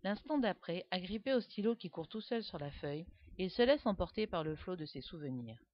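A woman reading a storybook aloud with expressive, animated narration, in a dull, dry recording. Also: fairly low pitch, a little fast, no room sound. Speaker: reader.

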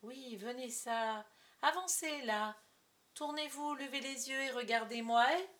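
Frantic old stage father , a woman putting him on, loud wailing lament, raised voice, storybook reading. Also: sits high, unhurried, far from the mic, voice pushed up. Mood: commanding. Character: aging actor-playwright playing a fussy sick father.

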